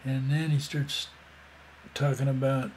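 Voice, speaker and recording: A man's voice: mid-range voice, level tone, measured pace, darkish tone, slight background noise. A man in his sixties telling a rambling, casual story full of fillers and asides. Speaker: vlogger.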